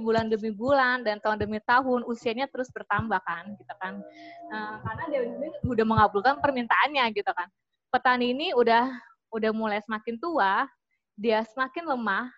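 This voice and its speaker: A woman's voice: fairly high pitch, moderate pace, highs cut off. A woman hosting a community session, casually telling a story to the group and asking them questions, with many fillers and restarts. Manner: chatty, with many "gitu kan" fillers and restarts.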